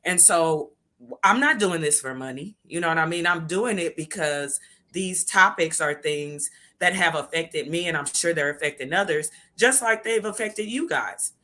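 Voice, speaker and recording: A woman's voice: on the low side, moderate pace, sharp tone. A middle-aged woman hosting a heartfelt conversation, earnest and reflective, tearing up at times. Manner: earnest, reflective, laughs and tears up. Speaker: host and show creator.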